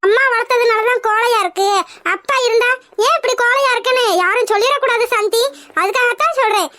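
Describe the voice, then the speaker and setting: A woman voicing a bold, protective middle-aged aunt in a cartoon, with a very high squeaky voice and a brisk, commanding, scolding manner. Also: sharp tone, a little hiss or hum. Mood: stern. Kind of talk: cartoon voice acting.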